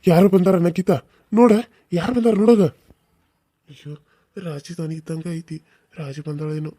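Woman voicing a mellow, evasive village husband. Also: mid-range voice, expressive, moderate pace, no room sound, studio quality, close to an everyday voice. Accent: North Karnataka Kannada. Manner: coaxing, defensive. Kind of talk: cartoon serial voice acting.

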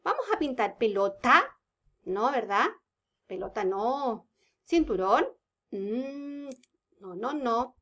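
A young woman teaches a kindergarten class in a high, bright voice. She speaks slowly and stretches each word in a gentle sing-song, the way you talk to small children. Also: very animated.

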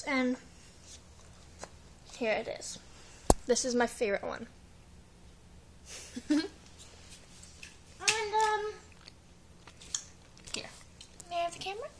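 A teen vlogger sits in her living room talking into her webcam's built-in mic, her voice pitched high against a noisy background. Giggling and chatty, she rambles through her shopping haul, peppering everything with "like."

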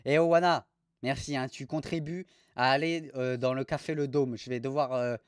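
A young man streaming live, mocking restaurant reviews in a crude, animated way. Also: medium pitch, moderate pace, noisy background.

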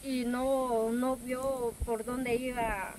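High-voiced Guatemalan woman, noisy outdoors. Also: level tone, slow. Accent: Guatemalan Spanish. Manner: earnest, rambling storytelling with quoted dialogue. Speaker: interviewee. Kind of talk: casual interview. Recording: outdoor recording with loud ambient noise.

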